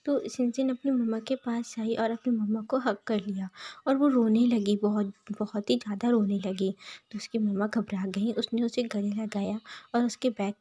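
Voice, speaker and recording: A woman's voice: fairly high pitch, fairly even intonation, moderate pace, mellow, slightly rough. A woman narrating a fan-fiction love story in a casual, rambling way, often repeating and restarting phrases.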